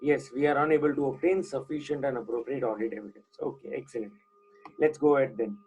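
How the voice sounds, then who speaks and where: A man's voice: medium pitch, steady tone, fast, a little mellow, slight background noise, low-quality recording. A man teaching an online class, putting questions to students and repeating the key points.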